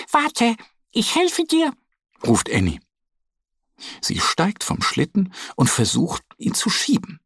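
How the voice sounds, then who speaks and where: A man reading a children's story aloud in a slow, lively, expressive way. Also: fairly low pitch, breathy edge, no room sound, studio quality.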